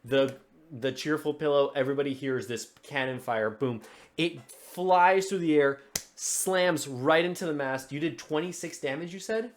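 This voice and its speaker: A man's voice: on the high side, normal speed. A man running a tabletop game as game master, narrating in a loose, chatty way. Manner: loose and chatty, fumbles with tools mid-scene.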